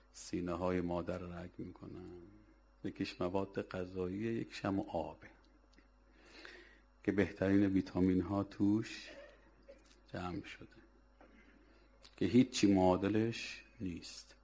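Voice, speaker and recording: Man, very deep voice, preacher, sermon, rhetorical questions, scolding tone. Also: a little mellow. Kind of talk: religious sermon.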